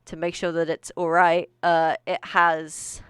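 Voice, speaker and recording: A woman's voice: fairly low pitch, monotone, measured pace, smooth, no echo, studio quality. A woman streamer chatting casually to her live audience, a little out of breath, rambling and often laughing. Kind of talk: casual livestream chat.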